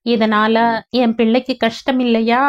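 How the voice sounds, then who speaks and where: A woman's voice: fairly high pitch, flat delivery, a little slow, lo-fi sound, close to an everyday voice. Woman voicing a timid, tearful young wife. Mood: pleading. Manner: pleading, questioning.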